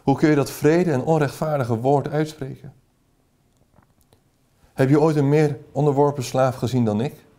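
A man's voice: mid-range voice, fairly even intonation, normal speed, pauses often, warm tone, pitched above the performer's own voice, natural voice. A man reading aloud the passionate lines of a devoted young lover pleading with his beloved. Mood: ardent. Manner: earnest reading of a passionate speech.

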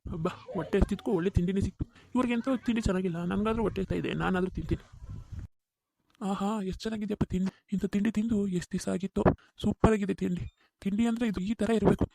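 A jolly, food-loving father-in-law in a cartoon, voiced by a man. He gloats and teases in a raised, gravelly voice at a breakneck pace, with a faint hiss underneath. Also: high-pitched, fairly even intonation, fast, mellow. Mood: gloating. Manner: gloating, teasing.

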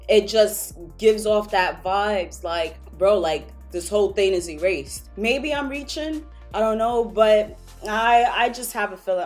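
A young woman hosting a reaction video, chatting informally and slangily straight to her viewers. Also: medium pitch. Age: young adult. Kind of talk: casual reaction video commentary. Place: small room at home, indoors.

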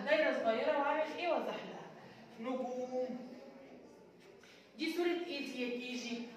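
An Egyptian woman teaching a kindergarten lesson in a sing-song voice, asking questions and answering them herself. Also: high-pitched. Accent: Egyptian Arabic. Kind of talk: recorded children's lesson. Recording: echoey room, voice from a distance.

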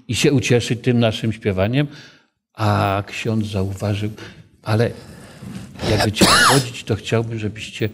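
A man leading a group Bible study, asking the others questions and telling a story from his own life. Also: lowish voice. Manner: conversational, asks the group questions, tells personal stories.

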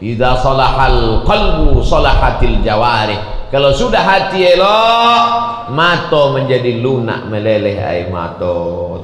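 A man giving a folksy, humorous dawn sermon, full of stories. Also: lowish voice. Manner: folksy, humorous, acts out quoted people in a raised voice. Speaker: preacher. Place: mosque hall. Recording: echoey hall with faint noise.

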